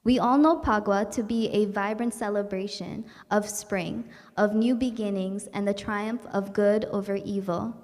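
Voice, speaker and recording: A woman's voice: mid-range voice, fairly even intonation, a little slow, few pauses, a little mellow, in a large hall. A young woman from New York hosting a virtual community event, speaking in an earnest, upbeat and welcoming way. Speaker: event host. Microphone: livestream setup.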